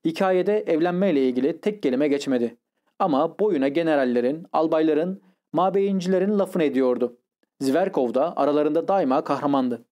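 A man narrates a literary audiobook in a measured, expressive way. His voice sits a little high for a man. The tone is soft and mellow.

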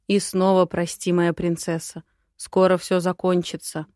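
A woman's voice: on the low side, level tone, unhurried, a little mellow, no room sound, natural voice. Steely male dragon prince, voiced by a woman narrator, firm and cool, dry close read. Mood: calm.

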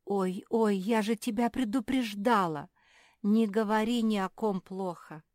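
A woman voicing a gentle, kind young female jerboa in a storybook reading, speaking softly and earnestly. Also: mid-range voice, unhurried, no echo, studio quality, pitched above the performer's own voice, lightly acted. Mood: pleading. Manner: soft, forgiving, earnest.

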